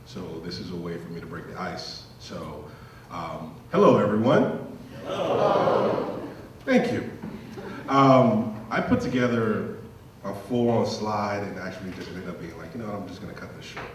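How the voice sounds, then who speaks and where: A man's voice: sits low, normal speed, pauses often, a little hiss or hum. A man in his thirties from Liberia, telling his story in a casual, self-deprecating way as a panel speaker at a symposium. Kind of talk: symposium talk. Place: lecture hall. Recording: echoey hall, distant mic.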